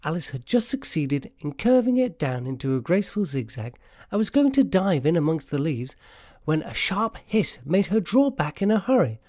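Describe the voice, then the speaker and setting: Lively, dry-sounding storybook narrator. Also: mid-range voice, normal speed, no room sound.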